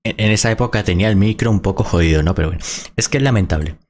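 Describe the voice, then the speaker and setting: A man's voice: lowish voice, very fast, darkish tone. A man, a small content creator giving blunt, indignant reaction commentary with plenty of swearing.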